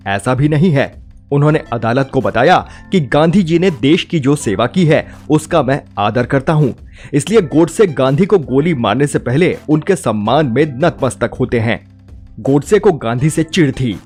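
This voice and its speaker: Over a music bed, a man with a mid-range, darkish voice narrates a scripted film review, using emphatic, rhetorical phrasing.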